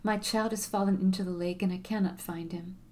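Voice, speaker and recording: A woman's voice: medium pitch, steady tone, brisk, darkish tone, natural voice. Woman voicing a desperate young mother. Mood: desperate, pleading. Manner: pleading, emotional. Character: desperate one-handed young mother, pleading.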